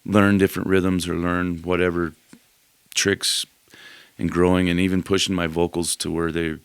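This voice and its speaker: A man's voice: deep voice, normal speed, smooth, dry recording. A man talking about his music as a podcast guest, loose and rambling with many fillers. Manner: relaxed, rambling, full of fillers. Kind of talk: casual interview chat.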